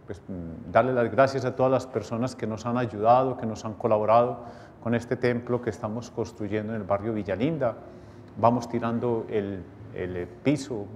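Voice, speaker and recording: A middle-aged man, a priest, leading closing prayers and a blessing at Mass and making earnest appeals. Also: a little mellow. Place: small chapel studio at an altar. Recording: chapel reverb with faint rumble.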